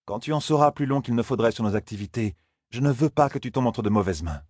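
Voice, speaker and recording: A man reading an audiobook voices a stern woman sorceress who lays down demands in a measured, imposing way. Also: mid-range voice, expressive, a little mellow, no echo, studio quality, voice pushed up, natural voice. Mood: commanding. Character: stern, commanding woman sorceress, cold authority.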